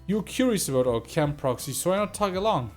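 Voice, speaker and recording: A man's voice: on the high side, sing-song, a little fast, soft background music. A man voicing a cheerful, bubbly young female biker in a game, with a nasal voice. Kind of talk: reading game dialogue aloud.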